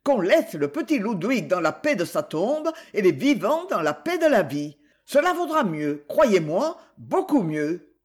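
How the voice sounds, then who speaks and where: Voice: medium pitch, very animated, a little slow. A reader doing a blustering Prussian major. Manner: blustering, indignant.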